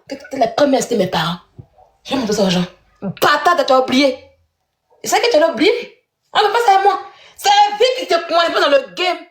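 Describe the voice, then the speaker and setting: High-voiced woman ranting in a roomy echo. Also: a bit bright. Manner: accusatory, scornful, with mocking laughs. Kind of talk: heated live-stream rant.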